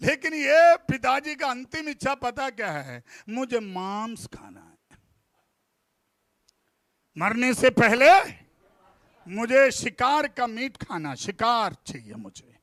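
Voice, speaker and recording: A pastor from India delivers a fervent sermon in a very high, unhurried voice. He has the congregation repeat lines back to him and keeps dropping "Praise the Lord" between points. The sound is close and dry. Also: big pitch swings, fairly bright tone, dry recording. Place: church before a congregation.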